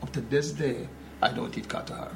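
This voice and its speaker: A man's voice: medium pitch, steady tone, a little fast, over a noisy crowd. A middle-aged man on a talk show, chatting and reminiscing, often tagging his sentences with "right?". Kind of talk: casual chat.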